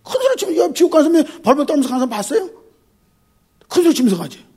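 A male pastor preaching a sermon in an emphatic, animated way, swinging from quiet asides to shouted appeals and telling lively stories. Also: extremely high pitch, rapid-fire.

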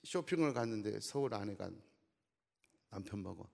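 Gravelly-voiced man preaching in a reverberant hall. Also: lowish voice, animated, moderate pace, darkish tone. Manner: jokey, teasing, often asks the crowd "어?". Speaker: pastor. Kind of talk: humorous sermon to a congregation. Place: church sanctuary.

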